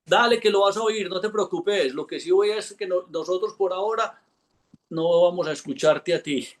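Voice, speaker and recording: A man, an instructor telling a lively anecdote to a class and acting out the voices in it. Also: high voice, normal speed, roomy sound. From Colombia. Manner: animated storyteller, acts out quoted voices. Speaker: hypnosis instructor.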